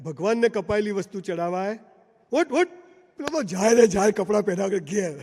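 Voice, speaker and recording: Talking fast in a high, slightly mellow voice, a man delivers a live motivational seminar in a big hall. He addresses the audience directly and tells stories with emphasis, and the sound carries a long hall reverb.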